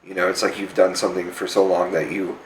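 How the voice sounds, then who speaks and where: A man's voice: low voice, level tone, fast, reverberant, slight background noise, low-quality recording. A man hosting a podcast, talking casually and rambling a bit about theater as a hobby. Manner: loose and rambling, with fillers. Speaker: podcast host. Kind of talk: casual chat.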